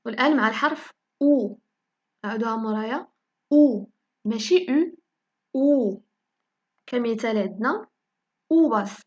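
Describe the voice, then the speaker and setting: A woman with a Moroccan Arabic accent teaching a language lesson, saying each example word slowly and repeating it for learners. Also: fairly high pitch, muffled recording. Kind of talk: spoken lesson in Moroccan Darija.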